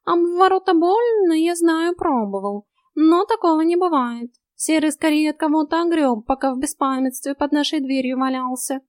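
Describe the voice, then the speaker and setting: A woman's voice: high voice, normal speed, hardly any pauses, no echo, clean studio sound, pitched above the performer's own voice, natural voice. A woman voicing a grumbling, sarcastic male talking cat in an audiobook. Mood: snarky. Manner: sarcastic, scolding.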